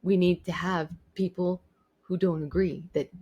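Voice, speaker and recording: A woman vlogger gives an emphatic, opinionated monologue to camera, repeating points for stress. Her lowish, warm voice has a breathy edge and fairly even intonation, a little slow, on lo-fi sound.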